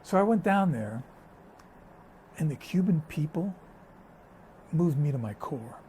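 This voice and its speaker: An American man, a guest in a casual conversation, tells stories in an animated, talkative way. His voice sits on the high side and moves a little slowly, with a faint hiss or hum in the background.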